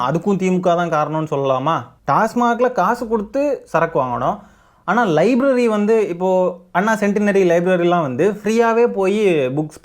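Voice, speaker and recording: A man hosting his own channel, giving opinionated political commentary full of rhetorical questions and mockery. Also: sits high. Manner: mocking, argumentative, rhetorical questions.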